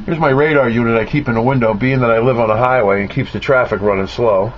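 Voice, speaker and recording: A man rattles along at a quick pace in a steady, mid-range voice, casually narrating an impromptu tour of his radio gear and poking fun at himself as he boasts. The setting is a cluttered garage and radio room indoors. The handheld camera's built-in microphone yields muffled sound with clear noise.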